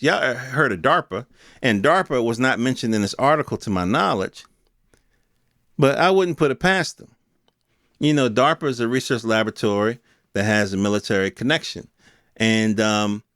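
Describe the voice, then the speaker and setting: An American man hosts a podcast, riffing off the cuff in a casual opinion monologue packed with rhetorical questions and impressions of imagined speakers. His voice is mid-range and fairly bright, captured in a dry, studio-quality recording.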